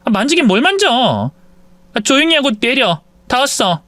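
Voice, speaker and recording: A man's voice: very high-pitched, sing-song, normal speed, pushed and bright, no room sound, pitched above the performer's own voice, heavily acted. A man voicing a young woman in a story reading, a coy daughter-in-law speaking in a raised voice.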